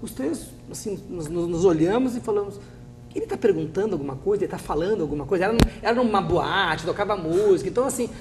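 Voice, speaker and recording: A middle-aged Brazilian man with a Brazilian Portuguese accent, an English teacher guest telling lively stories in a TV interview and acting out what people said. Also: high voice, quick pace, slight background noise. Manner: animated, acts out quoted speech, laughs often. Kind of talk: TV interview storytelling.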